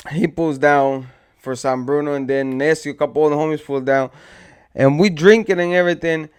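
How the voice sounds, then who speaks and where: Speaking at normal speed with fairly even intonation, a man recalls a story from his own past. His voice is clear, resonant and slightly high, and he rambles in casual street slang while imitating what his friends said.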